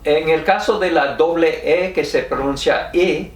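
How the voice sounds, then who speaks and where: A man with an American accent explains spelling at an unhurried pace, spelling each letter out one by one. He sits back from the mic, so his voice sounds distant, and the room around him echoes. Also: a little high. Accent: American English. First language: English. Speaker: teacher.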